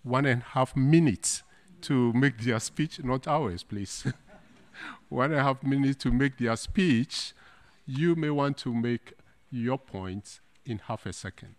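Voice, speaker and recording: A man chairing a formal meeting as moderator, measured and deliberate with light humor. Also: mid-range voice.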